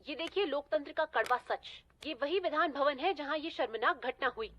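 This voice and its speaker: An urgent TV news reporter. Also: female voice, high-pitched, a little fast, a bit bright, muffled recording. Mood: dramatic. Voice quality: dramatic, emphatic newsreading. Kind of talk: Hindi film dub.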